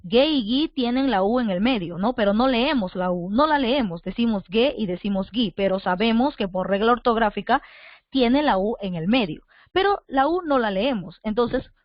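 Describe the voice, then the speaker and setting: A woman's voice: a little high, no echo, highs cut off. A woman teacher giving an online class, patiently repeating points and asking her students rhetorical questions.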